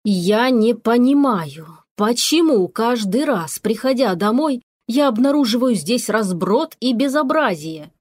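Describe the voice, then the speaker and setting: A woman's voice: a little high, animated, a little slow, few pauses, a little mellow, no echo. A woman voicing a stern witch, the mistress of the house, scolding and giving orders, in a storybook reading. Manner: scolding, commanding.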